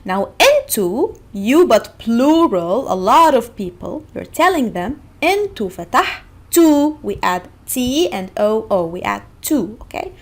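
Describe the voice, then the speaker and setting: A woman's voice: a little high, big pitch swings, a little slow, few pauses. A woman teaching a language lesson, explaining step by step and repeating her examples. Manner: instructional, repeats and spells out examples.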